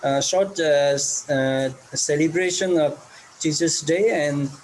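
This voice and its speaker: Nepali-accented male teacher, slow halting delivery, slightly raised pitch, faint background noise. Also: darkish tone, rough recording. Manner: halting, many fillers and restarts. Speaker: teacher and club organizer. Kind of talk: video call chat. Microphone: video call.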